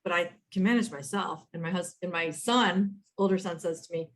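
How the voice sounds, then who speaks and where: A woman in her fifties, a podcast guest telling stories in an animated way, often quoting herself and restarting sentences, over a video call. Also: on the low side, normal speed. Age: 50s. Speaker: guest, author and entrepreneur. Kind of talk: conversational storytelling.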